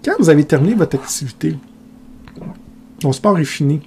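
In a recorded lecture video, a Québécois-accented man teaches in a conversational style, addressing students directly and posing questions out loud. He speaks at normal speed in an expressive, fairly high, slightly mellow voice, with a little background noise present.

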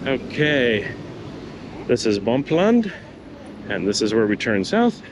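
A vlogger strolls through city streets giving chatty, casual commentary and pointing out shops along the way. His mid-range voice is sing-song and slow, with background noise behind it.

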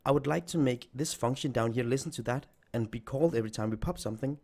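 Typing code and thinking aloud, a programming tutor records a screen-captured coding tutorial while barely holding onto his voice. He speaks fast in a mid-range voice with a dark tone and a breathy edge.

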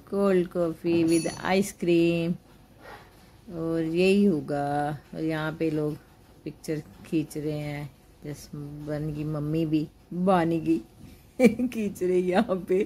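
An older woman, a grandmother vlogger, narrates a family outing in a busy indoor mall in a homely, casual way into her handheld phone camera. Her low voice is warm, with slight background noise.

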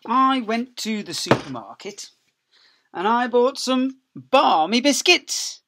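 Reading a picture book aloud to young children, this middle-aged male teacher uses a very high-pitched, bright, pushed voice with big pitch swings, taking it slowly. He stretches key words playfully and makes sound effects. A laptop webcam records him up close in a small office.

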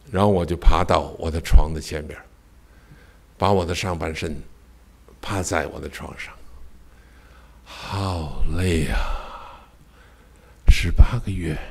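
This older man, speaking as a pastor, tells a personal story in his sermon with a low, husky, gravelly voice, a little slow and marked by long pauses. He swings suddenly between loud cries and near-whispers and poses rhetorical questions to the congregation.

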